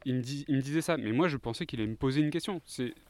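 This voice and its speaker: A man from France, co-host of a travel podcast, telling travel anecdotes in a relaxed, casual chat. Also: medium pitch, rapid-fire, no room sound.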